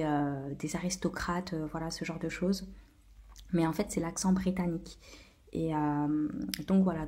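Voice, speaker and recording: A woman's voice: on the low side, warm tone. A woman hosting a casual explainer video, talking with many hesitations and filler sounds. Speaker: video host.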